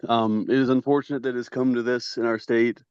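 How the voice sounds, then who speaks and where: A man with a smooth, resonant voice gives public comment over a video call. His manner is earnest. The audio is dry and a little dull. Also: medium pitch, little pitch movement, a little fast, darkish tone, no room sound. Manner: flustered at first, then earnest.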